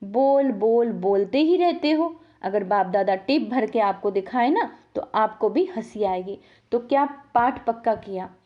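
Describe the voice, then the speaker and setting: A woman giving a devotional sermon on the daily lesson, lively, asking her listeners questions and answering them herself. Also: a little high, a little slow, dull audio. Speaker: spiritual teacher explaining the daily lesson. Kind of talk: devotional sermon, explaining a scripture reading.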